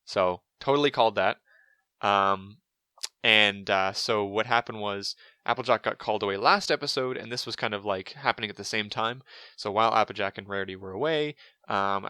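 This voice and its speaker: A man's voice: on the low side, pushed and bright, dry recording. A man co-hosting a casual podcast, rambling with lots of fillers and restarts. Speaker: podcast co-host.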